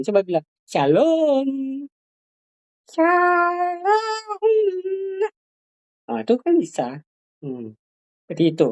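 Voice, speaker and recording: A woman's voice: sits low, warm tone. A woman teaching ventriloquism to Sunday school teachers, explaining and demonstrating with frequent fillers and restarts. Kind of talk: hands-on workshop instruction.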